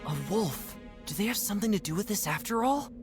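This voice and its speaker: A woman's voice: mid-range voice, animated, a little fast, close to an everyday voice. A woman voicing a young adventurer heroine in a game, talking to herself with wry asides. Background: game music.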